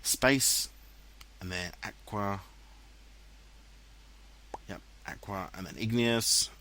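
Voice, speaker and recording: English male let's-player, low-pitched and chatty, self-mocking, faint background hiss. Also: very slow, sharp tone. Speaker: let's play commentator. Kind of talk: casual game commentary. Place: home room, voice-over recorded later. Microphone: headset, dubbed in post-production.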